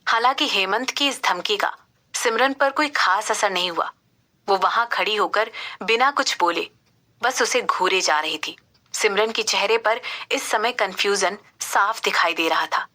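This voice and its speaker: A woman narrating a romance audio story in a steady, expressive storytelling manner. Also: mid-range voice, unhurried. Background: background music.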